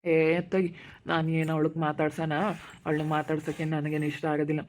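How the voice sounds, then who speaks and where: A woman playing a sharp-tongued, scolding village neighbour in an amateur skit. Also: deep voice, monotone, fast talker, slight background noise, natural voice. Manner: scolding, judgmental. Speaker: neighbour Meena.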